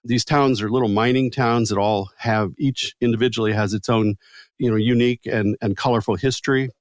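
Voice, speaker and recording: An older man, a guest author and former magazine publisher, telling stories in a relaxed interview with frequent fillers and restarts. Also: mid-range voice, fairly quick, no room sound, clean studio sound.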